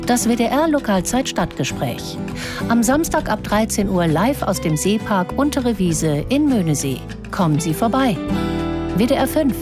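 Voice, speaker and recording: Radio promo lady, super lively and punchy, music under her. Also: medium pitch, measured pace. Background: music bed.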